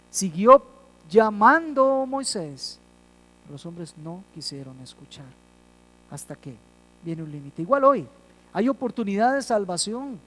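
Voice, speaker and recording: A male pastor delivering a sermon, rising loud on key phrases, dropping soft at phrase ends, and slowing down to stress words. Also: high-pitched, rough recording. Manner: slows down for emphasis.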